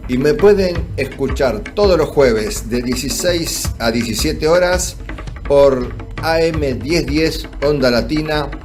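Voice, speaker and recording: A man's voice: mid-range voice, a little mellow. Radio presenter, man, promo read, faint music bed.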